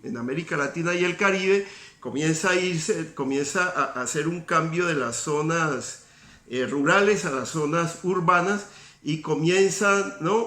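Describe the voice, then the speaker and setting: A man giving a recorded university lecture, measured, pausing on fillers and tag questions. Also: a little high, a bit bright. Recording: roomy echoey recording.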